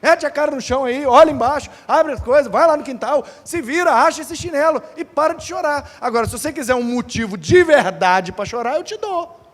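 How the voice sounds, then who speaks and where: A man voicing a stern mother scolding her whining son in quick, sharp bursts. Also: very high-pitched, animated, voice pushed up. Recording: reverberant church hall.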